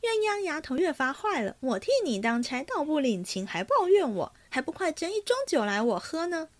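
A woman reading aloud, voicing a bossy, teasing young noblewoman who runs the household banquet, raising her pitch for quick, sharp banter. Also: sing-song, dry recording.

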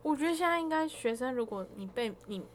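A woman co-hosts a casual podcast, asking curious follow-up questions in a fairly high voice. She talks quickly and laughs easily, with a faint noise in the background. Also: animated. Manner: curious interviewer, reacts with laughs. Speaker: podcast co-host, music graduate.

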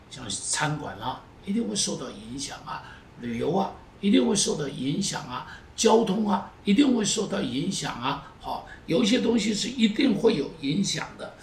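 A male pastor preaching a sermon in an emphatic way, repeating phrases and moving between loud urging and hushed pleading. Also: a little high. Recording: roomy echo, voice from a distance, faint noise.

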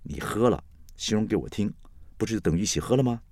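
A man's voice: fairly low pitch, animated, fast talker, darkish tone, no room sound, clean studio sound. A man playing a coaxing young boyfriend.

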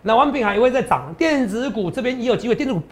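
A hoarse man pitches his stock calls at a rapid clip. His voice sits high for a man. He boasts and hammers home each point with rhetorical questions. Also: animated. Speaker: stock market analyst host. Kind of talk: promotional market commentary.

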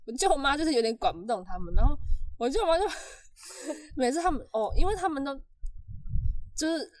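Animated woman telling a story. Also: sits high, brisk, no room sound. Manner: animated, laughs often, acts out shouting. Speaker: podcast host telling a story. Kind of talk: casual storytelling chat.

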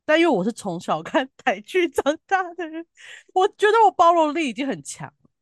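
A woman's voice: sits high, sing-song, brisk, no echo, studio quality. A woman from southern Taiwan with a southern Taiwanese Mandarin accent, chatting casually and bluntly as a co-host with emphatic, colloquial opinions. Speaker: podcast co-host reviewing TV drama.

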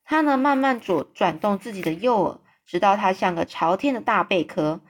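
A woman reading a children's book aloud in a relaxed, unpolished way. She often breaks off to restart a phrase or explain a word in her own casual words. Her pitch sits around the middle for a woman. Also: normal speed. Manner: unscripted asides, restarts and explanations. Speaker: storyteller.

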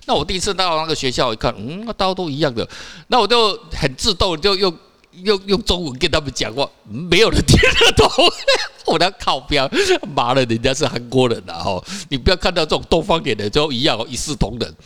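Taiwanese man, casual co-host, bright quick delivery, lively, salty storyteller. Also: fairly high pitch. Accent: Taiwanese Mandarin. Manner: animated storyteller, laughs often, frequent "哈" and "哦" particles; rough-talking, swears casually. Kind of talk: casual podcast chat.

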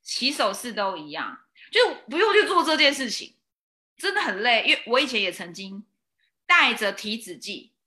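A woman hosting a casual chat, telling personal stories in an animated way, acting out dialogue and laughing often. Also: on the high side, moderate pace. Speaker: host.

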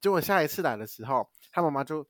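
A young man from Taiwan, co-hosting a podcast and telling a story in casual chat, animated and swearing lightly. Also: a little high, quick pace, no echo, studio quality. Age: young adult. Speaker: podcast co-host.

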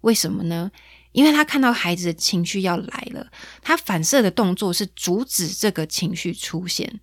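A woman's voice: animated, moderate pace, dry recording, studio quality. A woman, hosting a casual parenting podcast in a chatty, playful way. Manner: chatty, playful, acts out quoted lines in a higher voice. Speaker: podcast host.

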